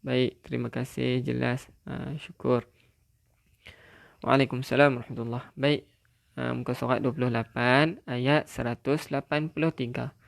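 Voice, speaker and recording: Gravelly male Quran teacher. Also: mid-range voice, fairly even intonation, no room sound, clean studio sound. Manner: patient, repeats points, slow drawn-out Arabic recitation. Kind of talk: live online Quran reading class.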